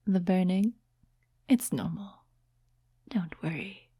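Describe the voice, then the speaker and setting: In an ASMR roleplay, a woman plays a seductive female demon, whispering very slowly with heavy, breathy exaggeration as she coaxes a mortal with deliberate, teasing words. She sounds sly, condescending, gloating, and soothing. Her warm voice sits a little low and sounds close and dry, with no echo.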